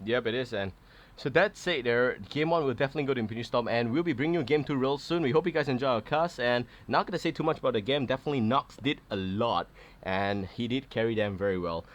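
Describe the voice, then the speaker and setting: A man casting a video game match, calling the play quickly and getting louder when fights break out. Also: medium pitch, muffled recording. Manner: quick, excitable, rises loud during fights. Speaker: esports commentator.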